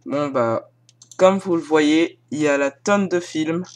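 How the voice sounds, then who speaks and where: Young male vlogger, slow and halting, a bit high-pitched, self-mocking. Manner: hesitant, many fillers and restarts; self-mocking, joking asides. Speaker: YouTuber showing film sites. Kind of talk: casual screen-recording tutorial. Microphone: filming with a phone held in one hand.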